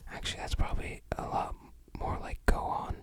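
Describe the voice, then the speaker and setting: Softly musing to themselves, a person creating ASMR videos offers whispered, casual commentary on an unboxing and a game. Their breathy, unvoiced whisper stays gentle and never hurries.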